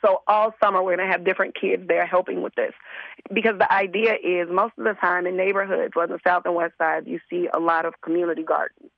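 Hoarse woman with gravelly low-fi voice. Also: level tone, fast, no room sound, dull audio. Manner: earnest, repeats words as she talks. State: hoarse, under the weather. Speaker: guest, community organizer. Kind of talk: casual interview talk.

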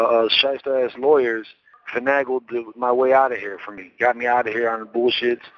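A man's voice: mid-range voice, no echo. A man talking bluntly and profanely on a jail payphone call, rambling through his words. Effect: jail payphone call, phone line. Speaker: jail inmate. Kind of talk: phone conversation. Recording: muffled lo-fi phone line.

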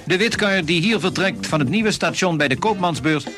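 An old newsreel narrator, a man delivering scripted commentary at a quick clip in a somewhat high voice. Music runs underneath his words, as in archive film footage. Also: animated. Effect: old newsreel narration played from archive footage.

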